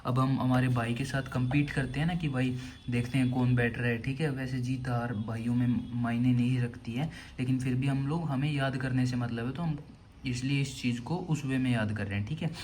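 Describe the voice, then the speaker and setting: A young man gives an online vocabulary lesson for exams, explaining memory tricks and constantly saying "theek hai" between points while asking and answering his own questions. His mid-range voice is steady and darkish, delivered at a moderate pace. A slight hiss or hum can be heard.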